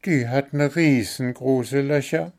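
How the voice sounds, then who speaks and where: A man voicing a small, stubborn blue bird in a children's story, talking high and insistent. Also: takes it slowly, a little mellow.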